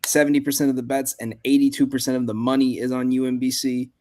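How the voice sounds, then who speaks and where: A man's voice: mid-range voice, level tone, fast, dark tone. A man hosting a sports betting show, reading out spreads and percentages and passing to each panelist. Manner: reads out betting lines and percentages, hands off to panel. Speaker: host.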